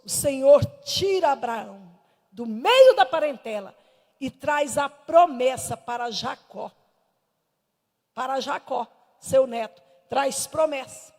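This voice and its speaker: High-voiced fervent Brazilian woman preaching. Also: animated, slow, long reverb tail. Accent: Brazilian Portuguese. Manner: fervent, emphatic storytelling that swings between hushed and loud. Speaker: missionary preacher. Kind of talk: Sunday school sermon with personal testimony. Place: church hall.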